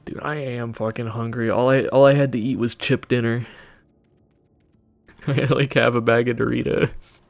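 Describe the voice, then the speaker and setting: A man's voice: medium pitch, level tone, normal speed, gravelly, no echo. Sweary laid-back gamer guy, dry mic. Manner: loose, sweary, laughs often. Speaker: streamer. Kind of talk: casual gameplay livestream chat.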